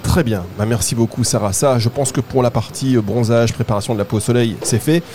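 A man hosting a live talk at a shop event, playful and teasing, with quick asides and jokes. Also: medium pitch, noisy background. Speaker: host.

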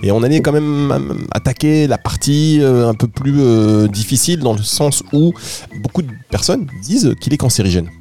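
A man's voice: medium pitch, animated, normal speed, warm tone, soft background music. A man hosting a radio show, joking and teasing his guest before steering the talk back. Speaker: radio host. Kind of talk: playful radio banter.

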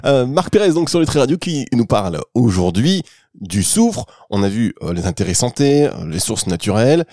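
A man's voice: mid-range voice, big pitch swings, moderate pace, mellow, dry recording, studio quality. A man hosting a radio interview, chatty and bantering with his guest. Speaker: radio host.

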